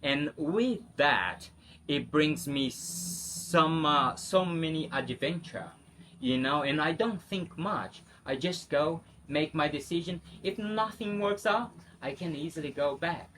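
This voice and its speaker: Speaking slowly in a somewhat high, slightly bright voice, this man from Brazil is an interview guest using English with a Brazilian accent; Portuguese is his first language. The casual interview is loose and spontaneous, with plenty of fillers and restarts. The recording is rough, with slight background noise.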